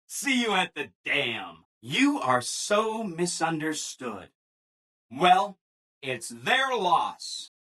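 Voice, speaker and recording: A super peppy yes-sir robot helper for a video game, bright voice, bouncy pitch, bit scheming. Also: male voice, husky, full character voice. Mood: gleeful, excited, then apologetic, falsely sweet. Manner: chirpy, over-agreeable, salesman-like enthusiasm. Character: relentlessly cheerful, eager-to-please male robot assistant with scheming edge. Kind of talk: video game character voice lines.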